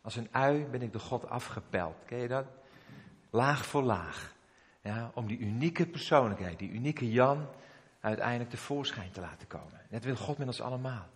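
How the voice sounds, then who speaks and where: A man's voice: mid-range voice, expressive, moderate pace. A middle-aged man preaching a sermon, telling a personal story emotionally with frequent restarts and asides. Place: church. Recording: long reverb of a church hall.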